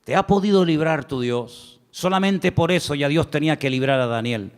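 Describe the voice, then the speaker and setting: Reverberant high-voiced male preacher. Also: moderate pace. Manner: storytelling preacher, addresses listeners as brother, calls for amens. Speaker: pastor. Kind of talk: sermon. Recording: long hall reverb.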